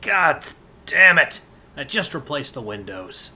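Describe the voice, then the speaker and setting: A man's voice: medium pitch, very animated, moderate pace, sharp tone. A man voicing a weary, put-upon bartender in a fantasy tabletop game, sighing as he talks. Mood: exasperated. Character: weary, exasperated male bartender of a fantasy tavern.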